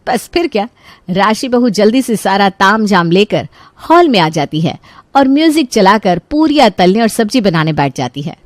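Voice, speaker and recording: A woman narrating a children's cartoon story in a lively, playful manner. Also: mid-range voice, dry recording.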